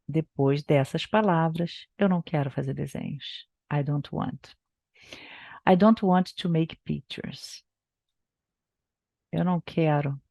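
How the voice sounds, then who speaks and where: Slow, gravelly Brazilian woman teaching English. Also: low voice, dark tone, no room sound, lo-fi sound. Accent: Brazilian Portuguese. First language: Portuguese. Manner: slow, careful reading with pronunciation drills. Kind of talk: reading a book aloud and explaining it in Portuguese.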